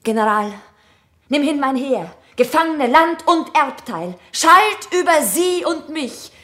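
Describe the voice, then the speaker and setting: A woman's voice: high voice, lively intonation, slow, a bit bright, heavily acted. A woman playing an imperious, passionate noble lady in a classic theatrical radio play. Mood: grand, commanding.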